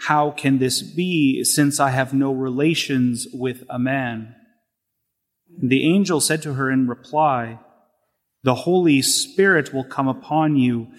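Male deacon, unhurried proclaiming homily voice, middle pitch, cathedral echo trailing each phrase. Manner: slow, measured proclamation. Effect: cathedral-like church echo. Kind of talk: liturgical gospel reading and homily. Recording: long reverb in a church.

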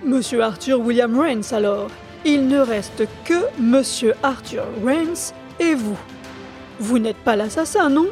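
A woman's voice: on the high side, slow pace, a little mellow, soft background music. A woman voicing a stern male court president who questions in a formal, insistent way. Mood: questioning.

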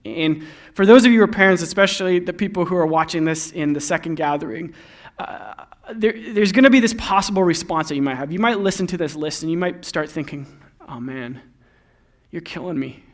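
A young man delivers a sermon in a casual, anecdotal style. His voice sits high for a man. He moves easily between scripture and everyday stories, sounding like a pastor talking with his own congregation. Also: quick pace. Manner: conversational, storytelling with laughs.

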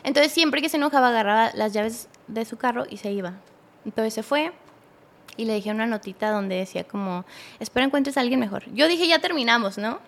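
Young Mexican woman, podcast guest, raspy-edged voice on the high side, halting, casual storyteller. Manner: halting, with many restarts and acted-out quotes.

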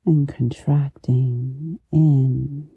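A meditation teacher guiding relaxation gently, with a soft, intimate delivery right in the listener's ear. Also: mid-range voice, steady tone, vocal fry, husky, no room sound, narrow, tinny audio. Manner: slow, unhurried, gentle pauses. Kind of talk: guided meditation, soothing instruction.

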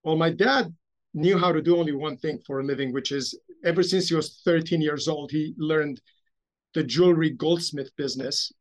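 This man in his fifties, from Romania, recounts his family's past as an interview guest. His voice sits a little higher than most men's, and he talks in an unhurried, anecdotal way, often poking fun at himself. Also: rough recording. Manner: measured, anecdotal and self-deprecating. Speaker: guest, investment bank CEO. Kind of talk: interview storytelling.

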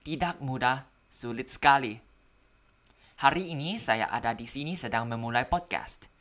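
A woman with a very deep voice presents a personal podcast as a foreigner speaking Indonesian. She has a learner's accent and speaks carefully, as someone working in a language that is not her own. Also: moderate pace, fairly bright tone. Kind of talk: prepared personal podcast monologue.

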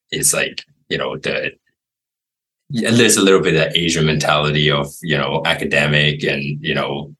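Very deep, husky man from Taiwan. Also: low-quality recording. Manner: relaxed, rambling storytelling with many fillers. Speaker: guest. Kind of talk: casual interview.

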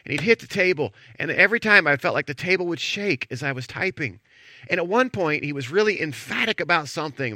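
A middle-aged man preaching a sermon as pastor, telling a story in a chatty, animated way. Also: a little high, no echo, studio quality. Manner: conversational storytelling with animated emphasis.

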